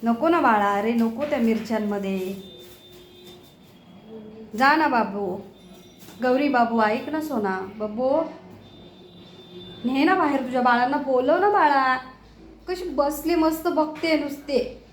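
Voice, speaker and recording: High-voiced woman fondly scolding her pets. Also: slow, long pauses, echoey room, slight background noise. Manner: fond exasperated scolding in baby talk. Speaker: pet owner filming her cats. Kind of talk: casual home video chatter to pets. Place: home kitchen.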